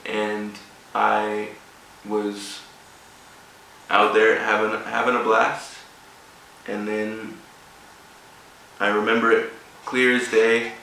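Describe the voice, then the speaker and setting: A man with a fairly low, gravelly voice speaks from a distance in a very reverberant room. He delivers an informal speech in halting, broken phrases. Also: completely flat delivery, bright, forceful tone. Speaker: guest speaker at a rugby club event. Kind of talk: informal motivational speech with personal story. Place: echoey room, speaking before an audience. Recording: echoey room, distant mic, faint noise.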